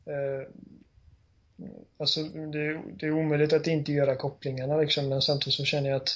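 A man's voice: on the high side, completely flat delivery, fairly bright tone. A man casually discussing a video game, retelling its scenes with lots of enthusiasm and fillers.

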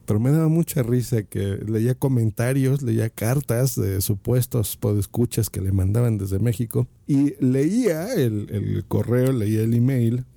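A man's voice: mid-range voice, animated, a little slow, gravelly, hardly any pauses, mellow, no room sound. A Mexican man giving casual podcasting advice, talking into his phone and asking the listener rhetorical questions. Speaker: podcast host.

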